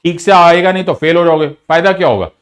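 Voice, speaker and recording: A man's voice: fairly high pitch, fast. A man with an Indian accent teaching an online exam-prep lecture. He mixes Hindi and English, asks questions and answers them himself, and talks to students in a frank, scolding and then encouraging way.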